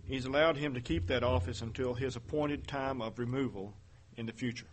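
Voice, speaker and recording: A man giving a Bible teaching sermon in a measured way, reading verses aloud and asking rhetorical questions. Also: mid-range voice, a little hiss or hum. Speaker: preacher.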